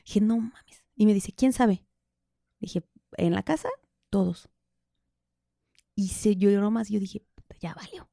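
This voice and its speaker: A woman, a podcast guest telling candid personal stories in an animated way, acting out the dialogue. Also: medium pitch, takes it slowly, gravelly, pauses often, dry recording, studio quality. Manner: animated, laughs often, acts out quoted dialogue. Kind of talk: candid conversational storytelling.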